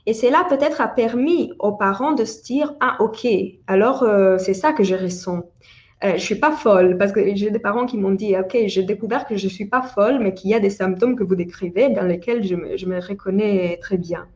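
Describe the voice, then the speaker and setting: A woman's voice: medium pitch, moderate pace, darkish tone, dull audio. A woman from Italy who speaks French with an Italian accent, explaining research as an expert in a webinar, with frequent restarts and hesitations. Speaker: parental burnout researcher.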